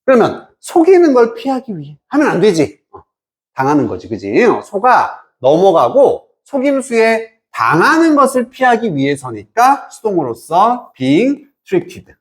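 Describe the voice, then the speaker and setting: Guy teaching english, high lively voice, asks himself stuff and answers, drags out english words. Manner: lively, asks and answers his own questions; drawls English words very slowly. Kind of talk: lecture.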